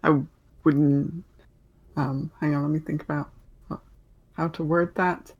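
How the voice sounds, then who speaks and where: A man improvising narration as a tabletop game master, halting as he searches for words. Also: fairly high pitch, little pitch movement, breathy edge, highs cut off.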